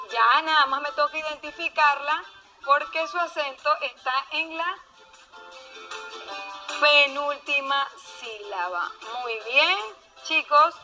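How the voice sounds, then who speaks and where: A woman teacher explaining spelling rules to young pupils in an online class, slow and patient. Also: high-pitched, sharp tone, highs cut off. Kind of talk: online class lesson for children.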